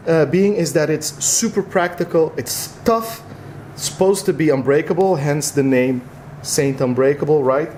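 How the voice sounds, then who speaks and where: A man with a Dutch accent talks through an unboxing in loose, casual chat, full of "uh" fillers. His voice sits a touch higher than most men's. A faint hiss of noise runs under it. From Netherlands. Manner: relaxed, rambling, frequent "uh" fillers. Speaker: vlog co-host.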